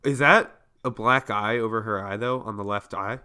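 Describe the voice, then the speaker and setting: A young man with a mid pitch and a bright, forward tone talks on a casual podcast. He hedges his points and drops wry, offhand jokes. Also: normal speed, clean tone. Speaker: podcast co-host.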